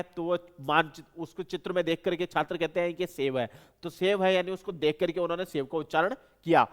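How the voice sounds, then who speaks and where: A man's voice: high voice, smooth. A man with a Rajasthani Hindi accent teaching an exam-prep lesson, explaining step by step and repeating key terms. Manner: explanatory, repeats key terms, self-corrects mid-word.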